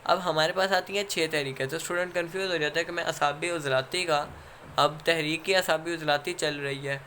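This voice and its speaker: A Pakistani-accented man gives a lecture in a fairly high, bright, forceful voice. He explains step by step, pauses on fillers and keeps checking in with his students. Faint hiss sits under the recording. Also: steady tone. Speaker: instructor.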